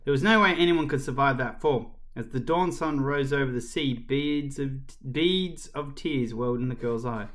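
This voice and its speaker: A man reading a children's chapter book aloud as a storyteller, in a lively, expressive way. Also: mid-range voice, normal speed, few pauses.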